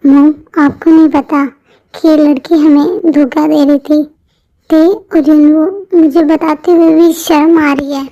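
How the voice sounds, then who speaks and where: A woman doing a rude cold husband, harsh and dismissive, high flat voice, muffled audio. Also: measured pace. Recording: muffled lo-fi audio with soft music.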